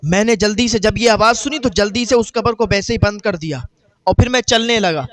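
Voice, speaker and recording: A grief-stricken grown man mourns his brother, his high voice pleading and lamenting, as a preacher puts him on. It is a sermon story told with heavy sorrow. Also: fairly bright tone, no room sound. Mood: grieving.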